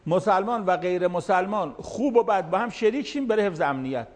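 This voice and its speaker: Older man preaching, slightly high voice. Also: lively intonation. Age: late 60s. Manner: explains verses line by line in plain talk. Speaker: cleric speaking to an audience of managers. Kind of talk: sermon-style lecture with Quranic quotes.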